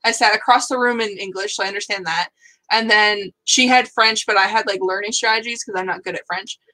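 A woman's voice: medium pitch, fairly even intonation, fairly quick, bright, forceful tone. A young woman, chatting casually as co-host and acting out her own reactions. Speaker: co-host of writing sprint stream. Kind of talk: casual chat.

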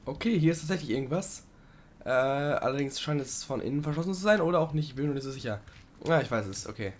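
A young man doing casual let's play commentary, chatting to the game creature and sometimes swearing loudly. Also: medium pitch, animated, fast talker, a little hiss or hum.

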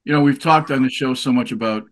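A man hosts a sailing show in a quick, rapid patter. He chats casually and often repeats words as he gathers his thoughts. His pitch sits in an ordinary middle range. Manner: chatty, repeats words while thinking. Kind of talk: casual interview. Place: marina.

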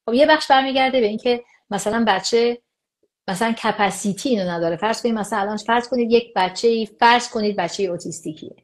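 Woman, expert guest, conversational explanation, animated, quotes dialogue in character. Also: on the high side. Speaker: psychologist guest.

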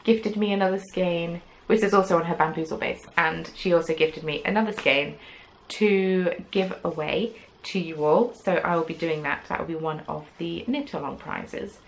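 A knitting podcast host with a gravelly voice chats casually to camera about yarn from a small indoor craft room lined with yarn shelves. Her pitch is fairly low and her pace normal with few pauses, and she rambles chattily with lots of "um"s and playful asides. The camera sits at desk distance, and the poor audio carries slight background noise.

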